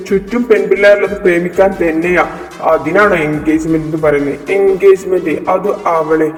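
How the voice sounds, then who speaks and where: A man's voice: high-pitched, close to an everyday voice. A man doing a cocky, brash young playboy. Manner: cocky, dismissive banter. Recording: echoey room with long reverb, from far off, music behind.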